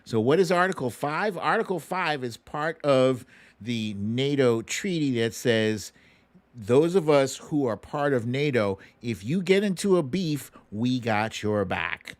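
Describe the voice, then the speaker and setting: In a dry recording, this middle-aged American livestream host speaks at medium pitch, animated but unhurried. He offers casual political commentary, taking viewer questions in slangy, plain-spoken talk.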